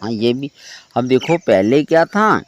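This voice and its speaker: A man teaching English pronunciation rules, spelling words out letter by letter and often asking whether it is clear. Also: medium pitch, expressive, a little slow, highs cut off.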